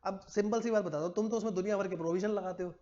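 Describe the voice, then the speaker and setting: Brief: quick, slightly high male teacher, joking with the class, dull lo-fi room sound. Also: fairly even intonation, mellow. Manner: chatty, teasing, asks the class questions. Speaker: commerce teacher. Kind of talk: classroom lecture.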